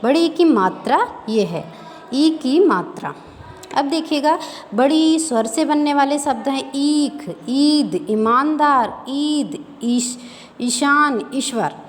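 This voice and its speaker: A woman teaching a reading lesson to young children, sounding out syllables slowly and repeating each word. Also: high voice, lively intonation. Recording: faint background noise, long reverb.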